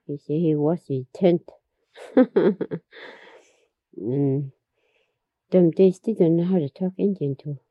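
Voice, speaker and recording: Woman storyteller, low husky voice, slow unhurried telling, muffled dry recording. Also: no echo. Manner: unhurried, repeats herself, laughs between stories. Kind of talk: oral history storytelling.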